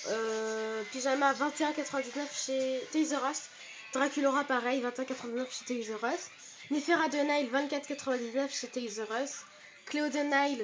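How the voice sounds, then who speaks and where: Chatty high-voiced woman touring her collection. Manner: chatty, many hesitations, reels off prices. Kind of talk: casual show-and-tell vlog. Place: her bedroom at home.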